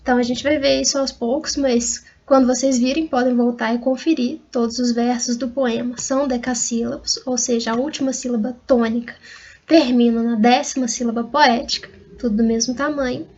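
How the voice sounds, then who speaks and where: Brazilian woman, high voice, slow methodical lecture, kinda muffled lo-fi audio. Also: fairly even intonation, a little mellow. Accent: Brazilian Portuguese. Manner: patient, methodical, spells out rhyme schemes letter by letter. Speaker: university literature lecturer. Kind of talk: recorded online lecture.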